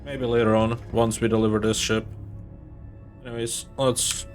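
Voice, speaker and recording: A man giving casual, low-key gameplay commentary, thinking aloud as he goes. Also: level tone, normal speed, soft background music. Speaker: gamer playing a space role-playing game.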